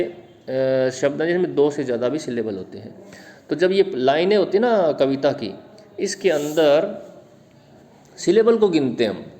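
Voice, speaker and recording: A man with an Indian accent teaching English literature terms, reading definitions slowly and then explaining with questions to his students. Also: fairly high pitch, darkish tone. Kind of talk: classroom lecture explaining terms in Hindi and English.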